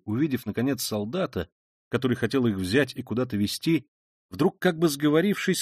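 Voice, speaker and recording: A man narrating an audiobook of a classic novel in a measured storytelling manner. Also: mid-range voice, a little mellow, breathy edge, no room sound, studio quality.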